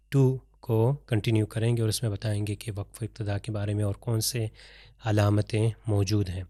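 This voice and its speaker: A man teaching an online Quran recitation lesson, explaining step by step with examples and reciting Arabic verses slowly. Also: medium pitch, no echo, studio quality.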